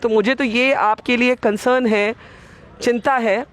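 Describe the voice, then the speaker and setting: A man's voice: very high voice, steady tone, fairly bright tone. A man reporting earnestly from an outdoor railway station and interviewing an elderly woman. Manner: earnest, measured. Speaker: news reporter. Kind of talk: field news report.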